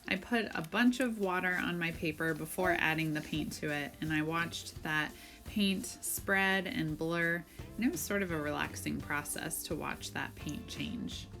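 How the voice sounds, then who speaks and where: A woman with a deep, gravelly voice narrates a children's craft tutorial as an art teacher, explaining simply and step by step. She speaks at a measured pace over background music.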